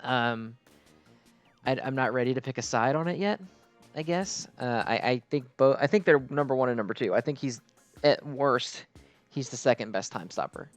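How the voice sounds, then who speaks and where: A gaming video host with a medium-pitched voice talks at a normal speed, offering casual commentary on his gameplay that rambles and gets easily sidetracked. Game music plays behind him throughout.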